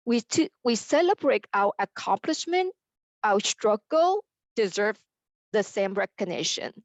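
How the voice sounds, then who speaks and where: A woman, a panelist carefully reading her personal story with halting pauses. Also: a little high, dry recording. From Vietnam. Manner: slow, careful, halting delivery.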